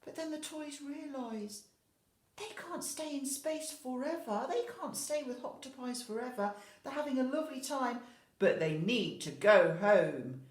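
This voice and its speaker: With a high, slightly mellow voice, this woman teacher reads a picture book expressively to a group of young children. She keeps turning to them with questions and little asides. The indoor recording is roomy, with plenty of echo.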